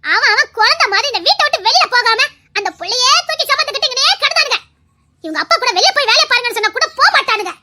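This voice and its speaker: A woman's voice: very high-pitched, animated, fast, noisy background. A woman voicing a fierce, protective middle-aged village mother in an audio drama, who scolds, curses and sobs. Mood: furious. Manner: scolding, shouting, cursing, sobbing. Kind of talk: Tamil audio drama acting.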